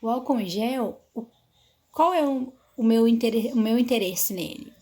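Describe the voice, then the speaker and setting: A woman's voice: on the high side, unhurried, mellow. A woman teacher explaining storytelling tips step by step, often checking in with "certo?", and having some trouble with her voice. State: voice trouble, pauses to drink water.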